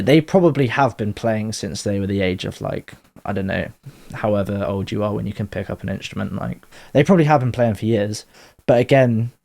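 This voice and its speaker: A male vlogger in his 20s talks candidly in a casual monologue, wandering onto tangents and swearing now and then. His voice is on the low side, gravelly and mellow.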